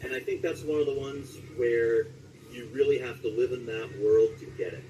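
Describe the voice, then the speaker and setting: In a casual interview, a voice actor from Southern California tells anecdotes animatedly and acts out reactions. His pitch is medium and his speed normal, but the mic is distant, the highs are cut off, and there's a little hiss or hum.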